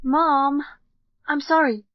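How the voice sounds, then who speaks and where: A woman's voice: sits high, fairly even intonation, takes it slowly, no room sound. A woman dubbing an emotional young bride pleading with her mother and fiancé. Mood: upset. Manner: pleading, upset. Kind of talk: English drama dub. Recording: dull dry studio dub.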